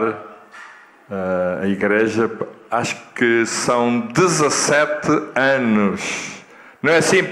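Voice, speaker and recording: A middle-aged guest pastor from Angola with a European Portuguese accent preaches a sermon in a church hall. His voice is fairly low and fairly bright, and he speaks slowly and deliberately, repeating key phrases and building to emphatic peaks.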